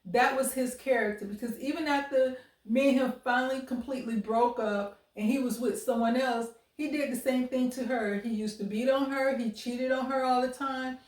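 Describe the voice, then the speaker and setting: A woman's voice: sits high, steady tone, normal speed, few pauses, darkish tone. An American woman giving candid dating advice in a monologue, speaking in a blunt, emphatic, admonishing way. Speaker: relationship advice vlogger. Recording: roomy echo, distant microphone.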